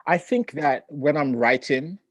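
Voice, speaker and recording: A middle-aged man who grew up in Ghana, a poet, reading his poems and talking about family in a measured, reflective way over a video call. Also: a little high, expressive, dry recording. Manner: measured and reflective, with thoughtful pauses. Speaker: poet and author. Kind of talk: poetry reading and relaxed conversation.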